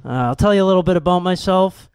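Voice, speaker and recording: A man doing a stand-up set, telling exasperated, profane stories with animated outbursts. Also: high voice, quick pace, smooth, no echo, clean studio sound. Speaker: stand-up comedian.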